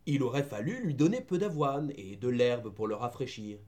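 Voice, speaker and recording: A man voicing a steady farmhand in a storybook reading, calm and matter-of-fact as he explains. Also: medium pitch, normal speed, pitched below the performer's own voice, natural voice. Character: steady older male farmhand tending animals.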